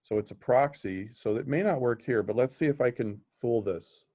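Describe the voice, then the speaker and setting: Speaking at a moderate pace with a warm, mid-range voice, a man teaches a technical class live and informally, often confirming that students are with him. The recording is dull and lo-fi.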